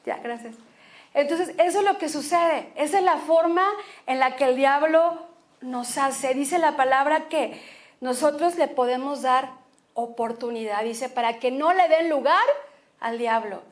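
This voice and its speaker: High-voiced Mexican woman preaching. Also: a little slow. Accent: Mexican Spanish. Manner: expressive preaching, repeats phrases for emphasis. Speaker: pastor. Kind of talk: sermon.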